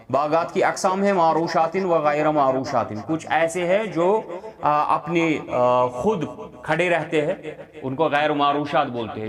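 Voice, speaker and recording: Male Quran teacher, slightly high voice, patient line-by-line explanation, crowd noise behind. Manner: recites Arabic verses, then explains them in Urdu with frequent checks like "theek hai".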